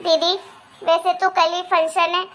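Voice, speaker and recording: Cartoon daughter-in-law, sweet and gushing, slow, high and bright, played by a woman. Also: little pitch movement. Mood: polite. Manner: polite, gushing. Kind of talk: animated cartoon voice acting.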